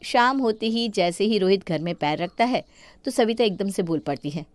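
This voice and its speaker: A woman narrating a household drama story in a calm storytelling manner. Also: mid-range voice, moderate pace, no echo.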